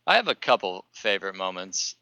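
A man's voice: low-pitched, very animated, a little fast, sharp tone, smooth, no echo, poor audio. A man co-hosting a casual movie chat, joking and laughing often.

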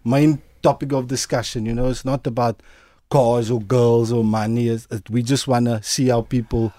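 A man's voice: mid-range voice, little pitch movement, normal speed, mellow, no echo, studio quality. A man with a Cape Town Coloured South African accent, speaking emphatically in impassioned conversation and repeating phrases to press his point. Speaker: community activist interviewee.

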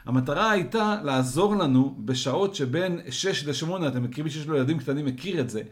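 Calm man, slightly high voice. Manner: calm, restates and expands with examples. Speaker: co-host. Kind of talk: casual podcast discussion.

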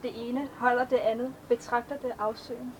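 A woman reading her own poems aloud at a live event, in a slow, measured recital. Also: on the high side, little pitch movement, a little hiss or hum, low-quality recording. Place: outdoor festival stage.

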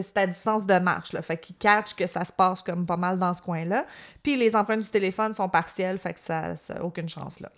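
A woman with a Quebec French accent, telling a crime story in a chatty, animated way on a podcast. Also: medium pitch. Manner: animated, chatty, with many fillers. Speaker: podcast co-host. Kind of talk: casual storytelling chat.

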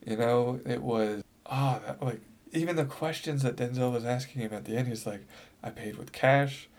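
A man's voice: medium pitch, normal speed, a little mellow. A man co-hosting a casual podcast, thoughtfully breaking down a movie character. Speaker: podcast co-host. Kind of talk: casual chat.

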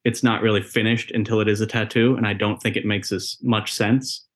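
A man's voice: on the low side, level tone, a little fast. A man from Massachusetts in his thirties, a tattoo artist answering interview questions thoughtfully with fillers. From USA, Massachusetts.

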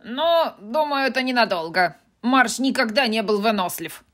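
A woman voicing a grumpy, sharp-tongued old aunt in a storybook reading, curt and scolding. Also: a little high, expressive, moderate pace, voice pushed up. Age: older.

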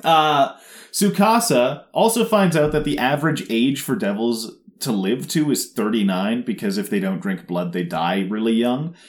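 A man at a middle pitch talks through an anime recap in a loose, rambling way. He is dryly sarcastic and keeps poking fun at what he describes. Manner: sarcastic, rambling, mocks scenes with quick put-on voices. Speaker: podcast co-host. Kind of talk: casual recap chat.

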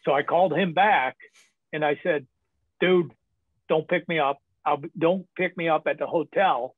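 A man's voice: fairly high pitch, moderate pace, slightly rough, no room sound. Man telling stories over a tinny line. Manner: candid, laughs often, many fillers. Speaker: podcast guest. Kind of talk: casual storytelling. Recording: tinny phone-like line, dry.

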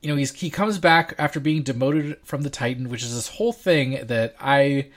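A man hosting a casual podcast discussion, chatty and animated, laughing often. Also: medium pitch, moderate pace. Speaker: podcast host.

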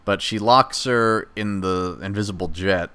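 A man's voice: fairly low pitch, unhurried, sharp tone, clear, resonant tone. A man hosting a podcast, casually recapping a movie plot in a rambling, chatty way and voicing the characters' lines as he goes. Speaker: podcast host.

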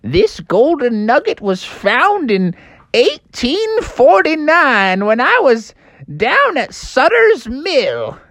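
A woman voicing an old male gold miner shopkeeper with a squeaky, crotchety old-timer drawl. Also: huge pitch swings, slow, a bit bright, no echo, exaggerated voice. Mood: folksy.

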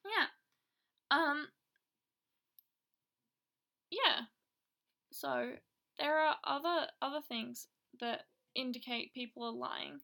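A woman's voice: high-pitched, takes it slowly, vocal fry, pauses often, pushed and bright. A woman co-hosting a casual podcast, reading out body-language facts with frequent laughs and fillers. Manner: giggly, reads facts with many fillers. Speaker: podcast co-host.

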